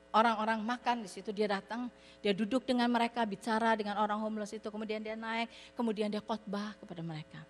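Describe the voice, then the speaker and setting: Woman preacher telling a story in church, higher voice, long echo and a hum behind her. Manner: storytelling, mixing in English words, addressing listeners as saudara. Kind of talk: sermon. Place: church hall. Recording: long hall reverb with hum.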